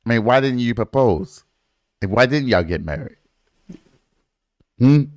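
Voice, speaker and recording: A man's voice: mid-range voice, expressive, a little slow, dry recording. A man hosting a casual true-crime podcast, blunt and opinionated, acting out quotes in his speech. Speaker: podcast host.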